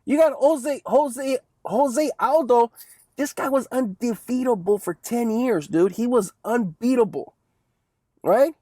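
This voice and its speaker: A man's voice: extremely high pitch, lively intonation, measured pace, dark tone, no room sound, studio quality. A young man talking through a casual one-take sports monologue, rambling and chatty and often tagging lines with "right?". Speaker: sports commentary vlogger.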